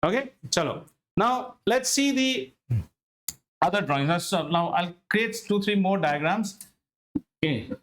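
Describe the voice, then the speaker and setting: A male schoolteacher with an Indian accent and a high-pitched voice. He explains in an animated, interactive way, repeating key phrases for emphasis and putting rhetorical questions to his students. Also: a little slow, long pauses. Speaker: school physics teacher. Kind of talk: interactive classroom lesson.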